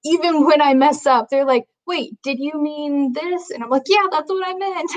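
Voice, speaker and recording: Speaking at normal speed in a high voice, a young woman guest, a sign language teacher, converses casually. She rambles, restarting often and saying "like" a lot, and the recording is dull and lo-fi.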